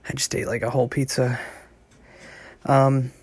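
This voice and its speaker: A man's voice: mid-range voice, level tone, moderate pace, a little mellow, a little hiss or hum. A man hosting his own podcast, talking in a loose, rambling monologue full of "like" and out of breath. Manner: rambling, heavy use of filler "like". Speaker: podcast host.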